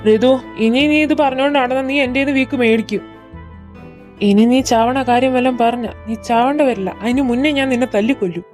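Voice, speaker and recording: A woman's voice: on the high side, a little fast, darkish tone, faint music behind, natural voice. A woman with a Malayali accent voicing a short-tempered, protective older brother who scolds and threatens his little sister in a fan audio drama. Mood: scolding. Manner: gruff scolding, threatening, mock teasing.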